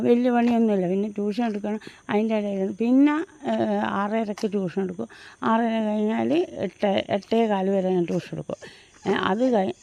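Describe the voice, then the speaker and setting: A woman's voice: on the high side, gravelly, dark tone, no room sound. A woman in her fifties with a Mahe Malayalam accent, chatting loosely to her phone on an early-morning walk outdoors, full of restarts and fillers. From Mahe, Puducherry. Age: 50s. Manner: rambling, frequent restarts and fillers. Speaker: vlogger and home tutor. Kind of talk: casual chatty vlog.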